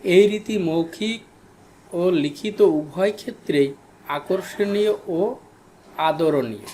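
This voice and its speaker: Slow, deliberate male teacher from Bangladesh. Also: sits high, dark tone, a little hiss or hum. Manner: slow, repeats key terms for students. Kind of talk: recorded classroom lesson.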